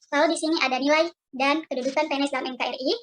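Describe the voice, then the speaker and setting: High-pitched, fast woman through a voice changer. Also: steady tone, fairly bright tone. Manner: explanatory, signposting each section. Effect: voice changer, digitally disguised voice. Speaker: teacher presenting a project proposal. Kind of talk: formal slide presentation. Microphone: video call.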